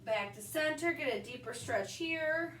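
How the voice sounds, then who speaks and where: A young woman with allergies and a slightly nasal, high-pitched, expressive voice runs a balance class, demonstrating as she calls out each move in a fairly bright tone. Upbeat cues are separated by brief pauses. A tripod camera placed far off in the large wood-floored wellness room captures roomy echo and a little hiss or hum.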